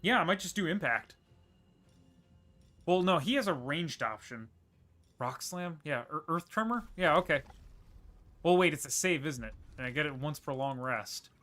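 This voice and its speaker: A man streaming a video game, rambling and thinking aloud with quick laughs as he plays. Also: on the high side, expressive, pushed and bright. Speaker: gaming streamer. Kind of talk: casual gameplay commentary.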